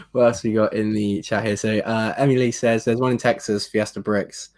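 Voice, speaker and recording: Young man hosting, lowish voice, dry sound, easygoing, reads chat aloud. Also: level tone, moderate pace, a little mellow, no echo. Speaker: stream host. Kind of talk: casual stream chat.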